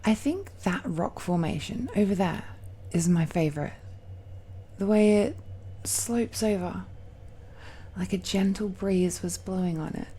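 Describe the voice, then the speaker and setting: In an intimate romantic audio roleplay, a woman with a lowish, breathy voice plays a tender, nervous girlfriend of dragon descent confiding in her lover. Her mood is playful and affectionate, and she speaks slowly, haltingly and softly, often sighing or slipping into whispers.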